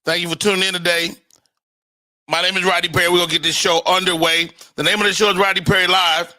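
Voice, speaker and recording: A man hosting a casual live show, chatting informally with upbeat, slangy shout-outs. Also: sits high, flat delivery, fast talker. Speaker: show host.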